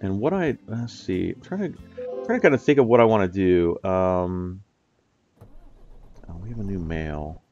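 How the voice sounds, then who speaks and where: Low and expressive at a moderate pace, this US man pauses often as he rambles through casual gameplay commentary on a driving game, full of ums and uhs. He sounds congested from a cold; the darkish, lo-fi audio has faint music behind.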